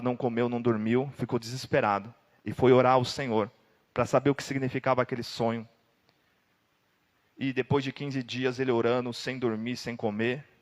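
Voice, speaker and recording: A Brazilian man preaching in a church hall, and his voice rings with a long reverb. He tells his story dramatically and breaks into sudden loud outbursts. His pitch sits around the middle for a man. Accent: Brazilian Portuguese. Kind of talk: sermon.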